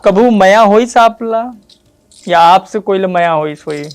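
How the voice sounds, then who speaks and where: A man's voice: sits high, slow, smooth, soft background music. Chhattisgarhi man asking interview questions. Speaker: podcast host, interviewer.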